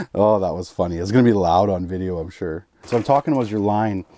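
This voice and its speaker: Low mellow-voiced man narrating ice fishing. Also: fairly quick. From Canada. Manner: excited running play-by-play, chuckling. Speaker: fishing vlogger. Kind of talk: casual fishing commentary. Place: inside an ice fishing shelter. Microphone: camera clipped to his cap and a fixed camera.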